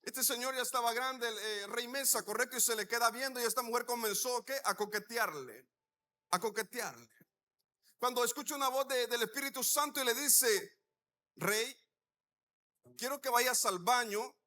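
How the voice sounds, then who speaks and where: A man's voice: very high voice, moderate pace, pushed and bright. A man preaching a sermon, telling a story with acted-out dialogue and asking the congregation rhetorical questions.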